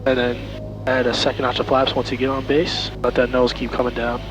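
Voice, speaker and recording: A man working as a flight instructor, giving calm, reassuring step-by-step instructions over a cockpit headset intercom, often repeating short commands. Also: mid-range voice, a little fast, background noise. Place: small plane cockpit in flight. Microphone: aviation headset intercom.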